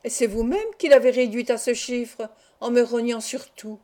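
A woman's voice: on the high side, normal speed, warm tone, natural voice. A woman reading the lines of a poor, honest master mason in an audiobook, pleading and proud. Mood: indignant.

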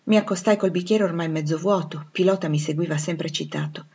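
A woman narrating a classic novel aloud in a measured, expressive reading. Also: fairly low pitch, slightly rough. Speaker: audiobook reader. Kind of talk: literary audiobook narration. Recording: dull lo-fi recording.

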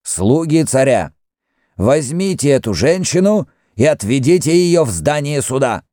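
A man reading an audiobook, voicing a stern high priest who gives loud, distinct commands. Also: expressive, a little slow, no echo, clean studio sound. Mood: imperious command. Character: stern, cold male high priest, imperious.

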